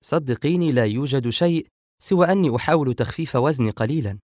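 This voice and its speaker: A man's voice: medium pitch, lively intonation, fast, a little mellow, dry recording, clean studio sound, close to an everyday voice. A man voicing a joking, sarcastic younger brother in an audiobook. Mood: wry. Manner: sarcastic, dismissive. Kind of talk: audiobook character voice.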